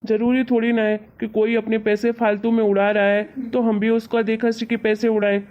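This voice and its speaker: Here a woman close to her everyday voice, pitched on the high side, delivers flatly at normal speed. Her role is the exasperated young husband in an amateur cartoon story: colloquial, reasoning, chiding, patient and teasingly lecturing. The recording sounds dull and lo-fi.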